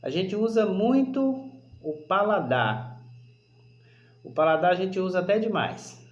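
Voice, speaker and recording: A male primary school teacher giving a remote lesson, talking slowly and deliberately and often asking whether the class understood. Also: high-pitched, lively intonation, roomy sound, muffled recording. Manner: slow, deliberate, repeats questions to check understanding.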